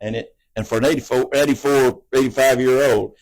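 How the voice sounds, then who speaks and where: Speaking fairly quickly with a steady, medium-pitched, darkish voice, this Southern American man in his 80s is running for city council. He answers interview questions earnestly and folksily, repeating words often. The audio quality is poor.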